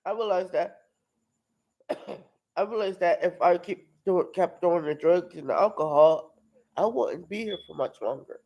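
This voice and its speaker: Halting, high-voiced young man giving testimony. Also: expressive, darkish tone, muffled recording. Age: 20s. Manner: halting, repeats and restarts words. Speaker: testimony speaker at a live-streamed outreach. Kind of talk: personal testimony.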